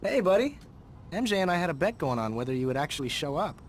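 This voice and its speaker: An actor playing a brash, familiar young heir with a resentful streak, in a game cutscene. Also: male voice, on the high side, big pitch swings, quick pace, a little hiss or hum. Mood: friendly. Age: young adult. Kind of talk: scripted game cutscene dialogue.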